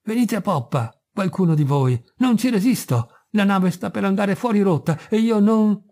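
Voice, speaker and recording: A worn-out helmsman wails for help in a thin, pitiful, raised voice, as a man reading the story puts him on. The tone is gravelly and pleading. It plays like a dramatic audiobook reading. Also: sits high, expressive, moderate pace, dark tone, voice pushed up. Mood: desperate. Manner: wailing, pleading. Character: exhausted sailor at the helm, male, plaintive.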